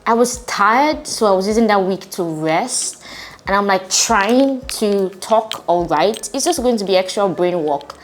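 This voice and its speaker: A woman's voice: mid-range voice, expressive, unhurried. A woman in her twenties, hungover, talking casually and reflectively to viewers as a vlogger. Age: 20s. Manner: informal, reflective, conversational. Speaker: vlogger and channel host. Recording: music behind the voice. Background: music.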